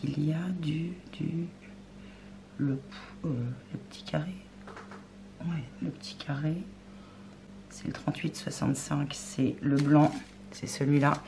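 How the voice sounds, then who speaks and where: A woman hosting a crafts unboxing video, chatting casually and thinking aloud, often murmuring softly. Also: low-pitched, poor audio. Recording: clear background noise.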